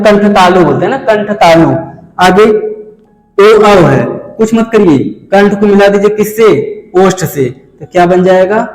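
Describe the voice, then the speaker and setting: A male teacher with a high voice leads an exam-prep grammar lesson. He keeps firing questions at the class, answers them himself, and calls his viewers friends and kids. His voice rings around a roomy space with a long, trailing reverb. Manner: demonstrates sounds by saying them over and over. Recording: echoey room with a long reverb.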